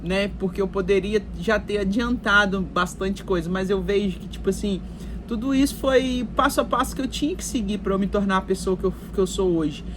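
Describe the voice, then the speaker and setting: A woman's voice: mid-range voice, fairly quick, background noise. A Brazilian woman talking casually to her viewers, telling her life story in a chatty way with lots of fillers and asides. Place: recording while in Canada.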